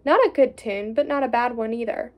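A woman reading a fairy tale aloud in an expressive storytelling way, with small slips. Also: fairly high pitch, brisk.

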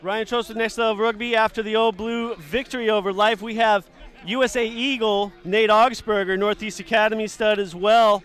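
High-pitched male sports interviewer. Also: fairly even intonation, normal speed, fairly bright tone, smooth. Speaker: on-field interviewer. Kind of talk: post-match sports interview. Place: outdoor stadium field. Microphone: headset.

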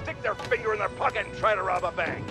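An actor playing an indignant middle-aged tabloid radio commentator, sensational and scornful like a gossip columnist. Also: male voice, sits high, fast talker, creaky, over music. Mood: exasperated, ranting. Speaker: talk show host. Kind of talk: opinionated radio show commentary.

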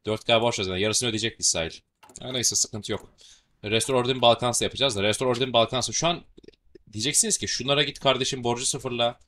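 A man's voice: mid-range voice, bright, forceful tone, a little hiss or hum. A man with a Turkish accent giving casual, joking commentary while playing a strategy game, swearing casually as he goes. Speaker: gaming channel host.

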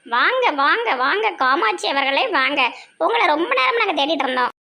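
Quarrelsome fast-talking Tirunelveli Tamil woman. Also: high-pitched, very animated, vocal fry. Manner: loud quarrelsome village woman. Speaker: comedy sketch performer. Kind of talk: scripted village comedy sketch.

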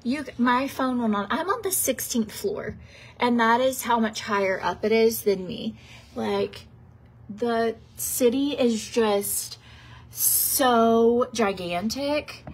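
A woman in her thirties from Tennessee, a beauty vlogger, chats slowly in a fairly high, slightly rough voice while getting ready in a fancy hotel room. She's sniffly from a cold and holds her phone at arm's length, rambling casually with lots of likes and ums. The recording quality is low.

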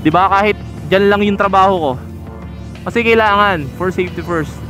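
A motovlogger rides a motorcycle on open roads, filmed on a helmet-mounted action camera, offering chatty, instructive commentary and pointing out other riders. His voice sits high with a fairly bright tone and moderate pace, over soft background music.

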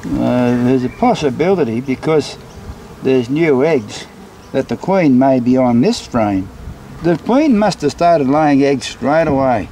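In this rough recording, a beekeeper of medium pitch talks through a hive inspection in an animated, warm way at a measured pace. He films outdoors next to a beehive and a brick house, with bees buzzing clearly in the background of his casual explanatory vlog.

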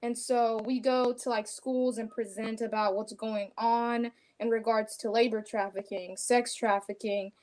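A young woman who leads a youth nonprofit, explaining its work earnestly, pausing often on a video call. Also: a little high, level tone, darkish tone. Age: young adult. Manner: earnest, informative, hesitant with fillers. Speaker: nonprofit president.

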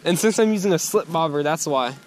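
A young man chatting excitedly while fishing outdoors on a rainy lakeshore, laughing often, recorded on a body-worn camera. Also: fairly high pitch, fairly quick. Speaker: angler filming a fishing trip. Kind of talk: casual chat. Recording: rain and outdoor noise behind.

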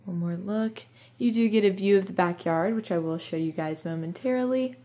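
Filming a house tour on her phone, a woman real estate agent keeps up an upbeat, chatty voice-over as she walks inside and around the property. Her voice is medium-pitched with a dark tone, and her pace is moderate.

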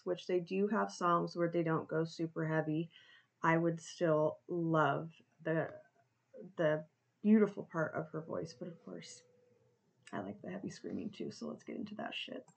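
A woman's voice: lowish voice, vocal fry, muffled recording. A young woman casually chatting as she reviews a metal song, gushing and informal, swearing now and then. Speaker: music reaction reviewer. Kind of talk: casual chat.

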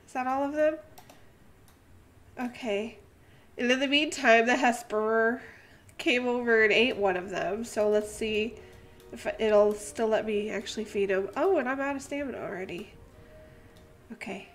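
A young woman casually commenting on her gameplay, exclaiming loudly at the animals and dropping to a hush when she sneaks around. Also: a little high, moderate pace, long pauses, faint music behind. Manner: excitable, exclaiming and talking to the animals; drops to a hushed voice while sneaking. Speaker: gaming channel host.

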